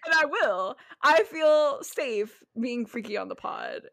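A young woman co-hosting a casual podcast, telling stories in an animated, giggly way on a close mic. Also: on the high side, slow, gravelly. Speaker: podcast co-host. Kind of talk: casual chat.

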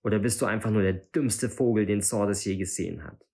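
A man reading an audiobook voices a cold, menacing woman who leads a band of thieves, speaking with sharp contempt. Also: on the low side, brisk, slightly rough. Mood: cold scorn. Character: cold, menacing female thief leader.

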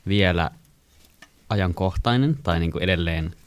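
This young Finnish man's low-pitched voice has a clean tone. He rambles casually through a long story to his friends with lots of fillers, growing animated as he quotes others.

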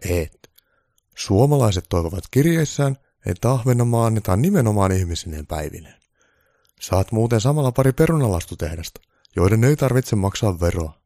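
A man's voice: fairly low pitch, expressive, dark tone, no room sound, pitched above the performer's own voice. A man doing a blunt, matter-of-fact Santa Claus. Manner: dry, matter-of-fact, firm.

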